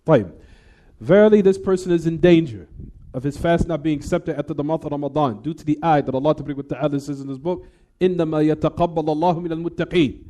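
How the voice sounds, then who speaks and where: Here an Islamic teacher speaks very fast in a fairly high, mellow voice. Switching between English and recited Arabic, he reads text aloud, explains what it means, and often asks the class rhetorical "what?" questions.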